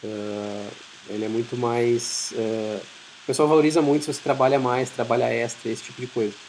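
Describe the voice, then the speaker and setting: A man with a Brazilian Portuguese accent gives an informal presentation, explaining things conversationally and acting out short imagined dialogues. His mid-range voice is a little mellow, with fairly even intonation and normal speed. The recording is low quality, with a little hiss or hum.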